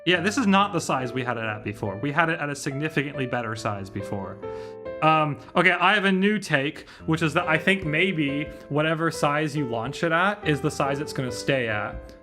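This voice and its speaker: A man livestreams a visual novel over background music, chatting casually and troubleshooting out loud in slangy, mildly sweary language. His voice is a little high and expressive, at a moderate pace.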